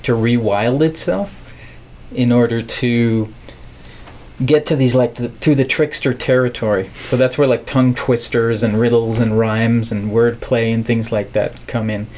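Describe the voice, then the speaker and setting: A middle-aged Dutch man with a neutral American accent, an artist and filmmaker, is a guest on a podcast, talking reflectively and playfully with wordy turns of phrase. His medium-pitched voice is steady, unhurried, and darkish, with a little hiss or hum in the audio.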